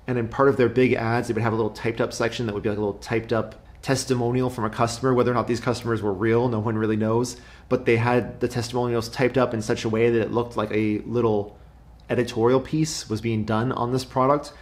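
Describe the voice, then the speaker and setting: A man's voice: mid-range voice, little pitch movement, quick pace. A young man, narrating his motorcycle trip in a casual, joking, storytelling way. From Canada. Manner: chatty, storytelling, joking asides. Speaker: motorcycle travel vlogger. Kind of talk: casual travel vlog narration.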